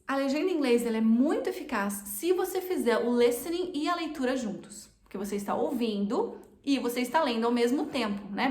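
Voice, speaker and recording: A Brazilian woman with a Brazilian Portuguese accent gives a casual online English lesson, her voice sitting a little high. She talks in a chatty way and drives each point home by repeating it. The room around her adds a clear echo. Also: a little mellow. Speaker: English teacher.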